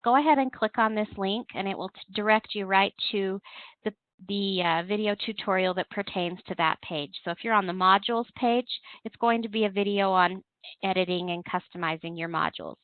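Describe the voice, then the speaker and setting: Her medium-pitched voice moving fairly quickly, a woman trains viewers on compliance software in a step-by-step webinar walkthrough. There's no room sound, and the telephone conference call leaves the audio thin and narrow-band.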